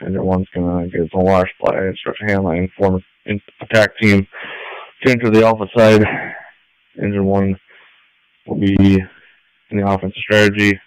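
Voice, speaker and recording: Male dispatcher for urgent firefighter radio, monotone, low and clean, matter-of-fact read-backs over a dispatch channel. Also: normal speed, clear, resonant tone, dry recording, low-quality recording. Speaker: fire dispatcher.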